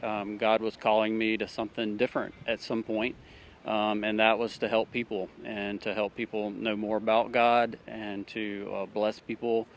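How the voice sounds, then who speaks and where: A man's voice: lowish voice, fairly bright tone, a little hiss or hum. Earnest Southern man from Alabama. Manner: earnest, many fillers and restarts. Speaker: interviewee, church worker. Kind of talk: casual street interview.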